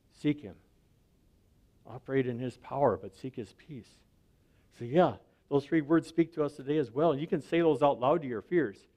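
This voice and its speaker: A man's voice: a little high, darkish tone. A man giving a sermon as a pastor, speaking in a conversational way and often checking in with the listener. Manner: conversational preaching, often asks the listener "right?".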